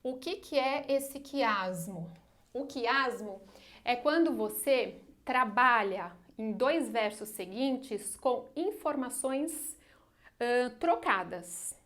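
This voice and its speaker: A woman's voice: fairly high pitch, lively intonation, a bit bright. A woman teacher with a Brazilian accent giving a recorded literature lesson, explaining step by step and often checking in with her students. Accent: Brazilian Portuguese. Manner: counts syllables aloud slowly. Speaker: Portuguese language teacher.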